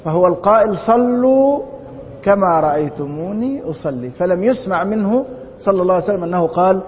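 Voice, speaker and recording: A man's voice: expressive, brisk. A man with an Egyptian Arabic accent teaching Islamic law in a classroom lecture. He keeps posing rhetorical questions and answering them himself. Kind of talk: classroom lecture on a religious text. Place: large mosque lecture hall. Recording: dull, reverberant hall with faint rumble.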